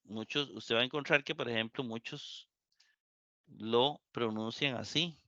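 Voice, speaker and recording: A man teaching a live class, explaining words slowly syllable by syllable and often checking in with his students. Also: medium pitch, pushed and bright, dry recording, muffled recording. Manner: slow, syllable-by-syllable explanation with frequent "¿verdad?". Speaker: Greek teacher.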